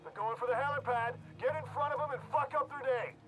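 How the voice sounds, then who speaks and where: A man's voice: extremely high pitch, fast talker, over music. An actor playing a male soldier in a video game, calling out urgently and profanely over a crackly police-style radio. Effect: crackly police-style radio transmission.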